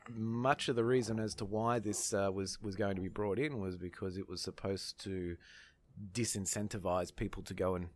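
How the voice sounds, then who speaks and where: An Australian man in an informal radio discussion of current affairs, speaking in a halting, hesitant way. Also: fairly low pitch, steady tone. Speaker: radio panellist.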